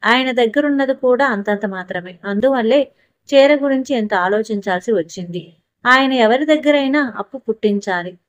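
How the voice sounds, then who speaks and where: A woman reading a first-person story aloud in a steady, even narrating voice. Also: on the high side, normal speed, dry recording. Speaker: audiobook narrator.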